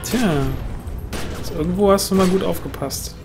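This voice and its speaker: With a voice that sits high and a moderate pace, this gamer makes dry jokes and grumbles at the co-op online game he's playing. It's casual co-op gaming chat in let's play style, with game music in the background.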